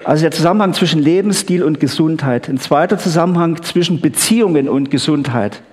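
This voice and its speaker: A man's voice: fairly high pitch, fairly quick, darkish tone. A man preaching a chatty sermon, often checking in with the crowd with "gell?" and "ha?". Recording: long hall reverb.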